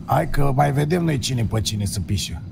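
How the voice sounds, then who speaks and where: Romanian-accented man, heavy vocal fry, lively pitch, a mocking gang boss in game roleplay. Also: music in the background. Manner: menacing, mocking and commanding. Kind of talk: in-character roleplay.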